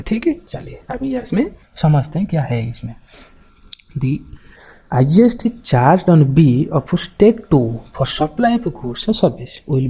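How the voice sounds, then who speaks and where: A man's voice: fairly high pitch, warm tone, breathy edge, poor audio. A man teaching an online accounting class, talking in a chatty, joking way and often checking back with his students. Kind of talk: informal classroom lecture.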